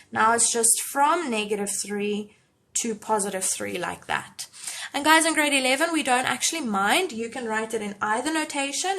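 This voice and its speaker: Higher-voiced woman teaching step by step. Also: fairly bright tone. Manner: explanatory, step by step, addressing learners directly. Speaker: high school maths teacher. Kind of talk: live online maths lesson.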